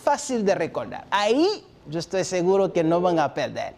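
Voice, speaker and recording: A man's voice: sits high, wildly swooping pitch, moderate pace, a little mellow. A man teaching a televised French lesson, drilling vocabulary and switching between French and Spanish while encouraging students with praise.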